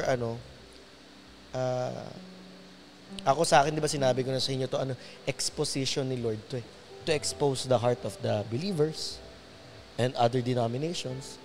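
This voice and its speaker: A man's voice: medium pitch, darkish tone, a little hiss or hum. A man, a pastor, chatting in a casual discussion and often mixing English phrases into his sentences. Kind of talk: casual chat.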